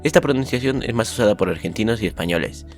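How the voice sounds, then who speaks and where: A man reading out a summary of the day's school lessons as scripted narration, upbeat at the start, then steady. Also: on the low side, fast, soft background music. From Mexico.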